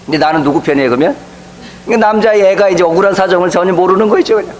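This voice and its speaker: High-voiced Korean pastor telling a story. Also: male voice, racing, a little hiss or hum, poor audio. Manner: storytelling preacher, acts out the people he quotes. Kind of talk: sermon. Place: church sanctuary.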